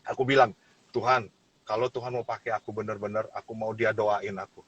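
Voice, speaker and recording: Husky lively man telling a story. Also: on the low side, fairly quick, highs cut off. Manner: animated storyteller, laughs and acts out quotes. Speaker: pastor. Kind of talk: casual testimony in a talk show.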